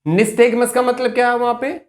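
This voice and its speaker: A male nursing tutor giving an exam-focused lecture. He keeps asking questions and answering them himself, and slows to stress key terms word by word. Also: extremely high pitch, flat delivery.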